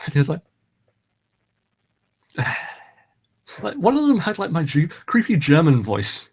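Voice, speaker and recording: Unhurried and husky, a man with a fairly high voice that swoops wildly in pitch hosts a laid-back podcast. He meanders through the conversation, hesitating, restarting, and filling gaps with ums.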